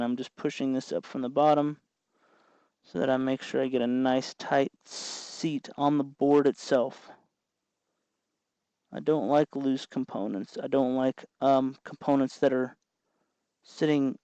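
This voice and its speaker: A man with a dark, clean, mid-range voice hosts a casual DIY electronics tutorial, patiently describing each step in a folksy way while he works. No room sound can be heard.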